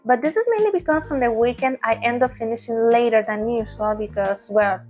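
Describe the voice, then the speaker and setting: A woman's voice: on the high side, a little fast, a little mellow, faint music behind. A woman vlogging in a casual ramble, laughing often and restarting her words, recorded on a tablet at home. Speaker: vtuber vlogger. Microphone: tablet mic.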